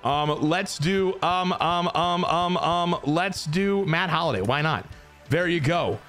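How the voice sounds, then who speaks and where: A young man giving excited commentary over his own baseball video game, muttering one moment and shouting the next. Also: a little high, slow pace, soft background music. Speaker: gaming YouTuber. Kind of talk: live gameplay commentary.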